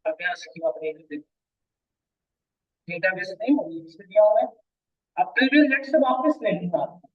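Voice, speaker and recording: A man's voice: high voice, normal speed, pauses often. Man teaching, thin phone-line sound. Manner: addresses students as beta, asks checking questions. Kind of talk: classroom lecture. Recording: distant mic, phone-like lo-fi sound.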